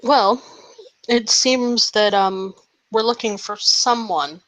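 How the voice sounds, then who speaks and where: A woman's voice: on the high side, slow pace, fairly bright tone, poor audio. A woman voicing a polite young male king consort who speaks hesitantly. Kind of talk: voice role-play.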